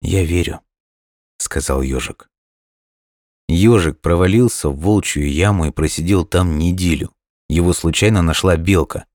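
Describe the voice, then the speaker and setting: Reading a children's story at a relaxed, gentle pace, the man speaks in a very deep voice. The audio is intimate and dry, with no room sound at all.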